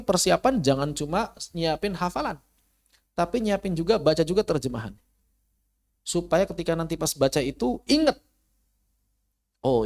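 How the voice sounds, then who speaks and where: Animated male Quran teacher. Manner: explains with rhetorical questions; animated, rises high when stressing a point. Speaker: Islamic studies teacher. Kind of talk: online Quran lesson. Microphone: close mic, online class.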